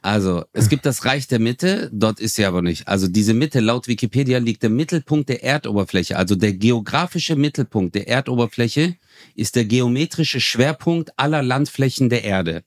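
A man co-hosting a podcast in casual chat, teasing and animated. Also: medium pitch, moderate pace, dry recording, clean studio sound. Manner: animated, teasing, heavy gesturing. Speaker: podcast co-host.

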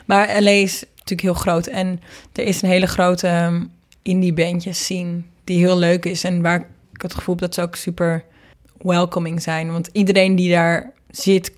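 A Dutch singer and producer, a woman, chats casually in an interview, her talk informal and rambling. Her voice is fairly low with little pitch movement, at a moderate pace.

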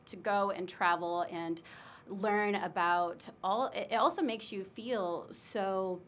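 A chatty woman from Illinois, talking casually as an interview guest. Her pitch sits in the middle range. She keeps filling her sentences with ums and you knows. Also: takes it slowly, a bit bright. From Illinois, United States. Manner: chatty, many fillers like um and you know. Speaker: international admissions recruiter.

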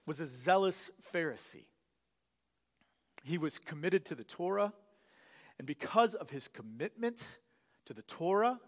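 A man preaching a sermon as pastor, earnest, rising to loud emphasis and falling to a near hush. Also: sits high, big-room sound. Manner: earnest preaching that swells louder and drops to a hush. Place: church sanctuary.

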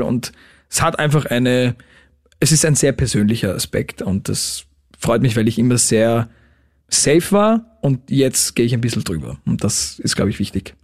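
A man's voice: medium pitch, darkish tone. A man, a pop musician talking casually in an interview and mixing English words into his speech. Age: late 20s.

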